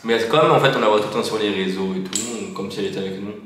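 20-something guy joking around, low voice, big cathedral echo bouncing everywhere. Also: rapid-fire, a bit bright. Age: 20s. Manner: joking, boastful banter. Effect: heavy booming room echo. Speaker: host's brother, guest. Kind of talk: casual Q&A chat. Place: large bare room in a house. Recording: very echoey house room, faint music.

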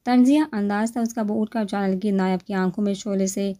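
A woman's voice: medium pitch, steady tone, dark tone. A woman narrating a romance novel aloud, lifting her voice for the characters' dialogue. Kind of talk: scripted novel reading.

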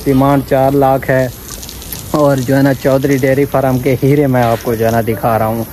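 Recording on a phone at arm's length in an open-air farm yard, this man in his 20s presents a sales vlog for the cattle he sells. His mid-range voice has a darkish tone and flat delivery at normal speed, with a little hiss or hum. He often repeats verbal filler phrases.

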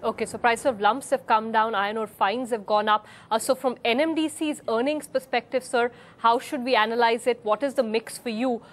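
A young woman, a business news anchor in a studio, asking polite, brisk questions with small fillers. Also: fairly high pitch, steady tone. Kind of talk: broadcast interview questions.

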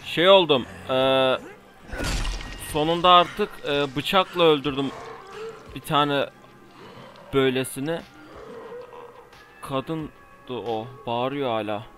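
A man's voice: medium pitch, slow, pauses often, sharp tone. A young man giving casual let's play commentary, exasperated and exclaiming, talking back at enemies on screen. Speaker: gamer. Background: faint game music.

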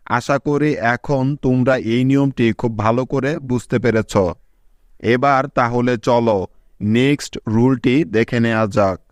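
Slow, clear-voiced male teacher. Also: medium pitch, no room sound. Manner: measured, instructive, addresses students as guys. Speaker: English teacher. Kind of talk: slow scripted lesson narration.

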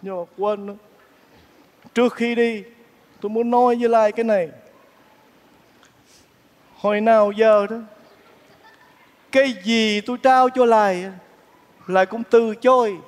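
An actor playing a kind-hearted bachelor neighbor in a stage comedy, talking in a soft, coaxing, earnest way. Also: male voice, sits high, steady tone, measured pace, long pauses. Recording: reverberant theater stage, faint music.

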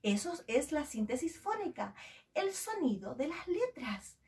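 A woman teaching small children, her high voice rising and falling widely as she stretches each letter sound. She speaks slowly and heard a bit away from the mic. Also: sing-song, a little mellow, recorded from a distance. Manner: sing-song, drawn-out sounding of letters. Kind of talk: children's phonics lesson.

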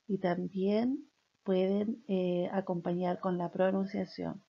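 A woman teaching English to young children, reading each phrase slowly and then translating it, gently and caringly. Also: mid-range voice, level tone, breathy edge, lo-fi sound. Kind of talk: slow bilingual lesson for children.

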